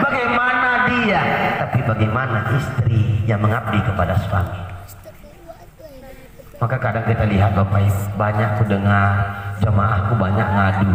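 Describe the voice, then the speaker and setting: A man preaching a lively outdoor sermon, swinging from loud exhortation to quiet teasing asides. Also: lowish voice. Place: front yard of a prayer house, outdoors. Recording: echoey outdoor PA sound heard from a distance.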